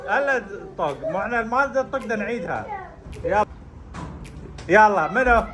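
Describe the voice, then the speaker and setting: A woman running a family game, giving brisk orders and often laughing. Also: medium pitch, animated, noisy background. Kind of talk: casual family game calling.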